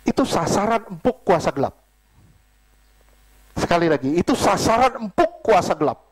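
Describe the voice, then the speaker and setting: A middle-aged male pastor preaching a sermon, swinging from loud rhetorical questions to quiet storytelling. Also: sits high, sing-song, normal speed, rough recording.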